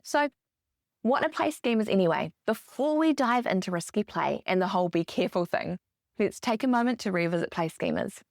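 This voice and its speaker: A woman in her thirties hosts her own podcast in an upbeat, explanatory way, leaning on key words as she goes. Her voice sits at a middle pitch. The recording is dry and close, with no room echo. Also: expressive, brisk, vocal fry. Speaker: podcast host. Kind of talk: scripted podcast monologue.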